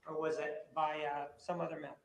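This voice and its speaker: A man's voice: fairly high pitch, flat delivery, moderate pace, gravelly, a little hiss or hum. A man prosecuting at a trial, cross-examining a witness with pressing, repetitive, combative questions. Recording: echoey courtroom audio.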